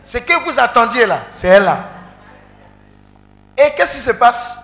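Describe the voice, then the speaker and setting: Lively preacher man. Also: very high-pitched, measured pace. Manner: animated, calls out to the congregation, bursts into loud exclamations. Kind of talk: interactive sermon with call and response.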